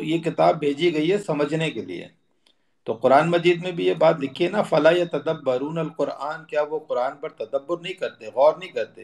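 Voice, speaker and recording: A middle-aged man teaching a religious lesson in an earnest, explanatory way, repeating phrases for emphasis and mixing in English words. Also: a little high. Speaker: Quran teacher.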